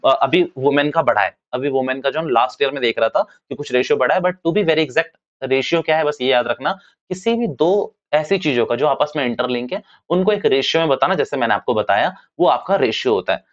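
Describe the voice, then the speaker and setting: A man's voice: mid-range voice, brisk. A man, teaching commerce in a casual classroom lecture and repeating his points as he talks to students. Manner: chatty, addresses students as "bhaiya", repeats points. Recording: dull lo-fi sound.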